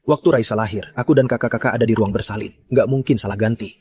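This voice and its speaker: A man's voice: on the low side, fast, breathy edge. An actor dubbing a young man who curtly dismisses a stranger to defend his sister. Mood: dismissive. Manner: curt, condescending. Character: young man, dismissive protective older brother. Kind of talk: dubbed short-drama acting.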